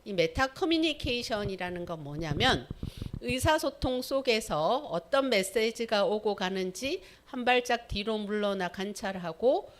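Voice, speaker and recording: A woman's voice: medium pitch, lively intonation, unhurried, slight background noise. A woman, a pastor's wife, teaching a church Sabbath school class. She asks the audience questions, says "예" between points, and acts out short everyday dialogues as examples.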